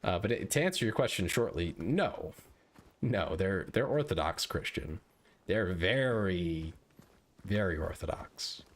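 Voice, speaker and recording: A man's voice: deep voice, lively intonation, a little slow. A man streaming a game, chatting with viewers in a rambling, joking way. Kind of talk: casual live-stream gaming chat.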